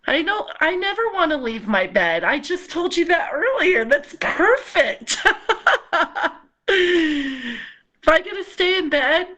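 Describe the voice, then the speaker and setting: A woman's voice: high voice, sing-song, takes it slowly, long pauses, a bit bright. A woman guest on a podcast, chatting casually over a video call, bubbly and laughing often. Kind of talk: casual chat.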